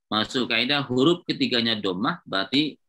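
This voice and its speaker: Bright-toned male Arabic grammar teacher. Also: mid-range voice, lively intonation, moderate pace. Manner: patient, repetitive, checks with students often. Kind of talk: classroom lecture at a whiteboard.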